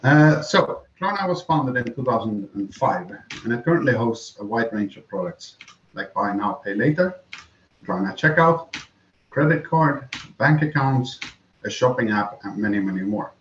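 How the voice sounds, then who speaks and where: A man from the Netherlands, a software engineer, giving a scripted conference presentation and reading prepared text evenly. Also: medium pitch, expressive, normal speed, slight background noise. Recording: roomy, dull home recording.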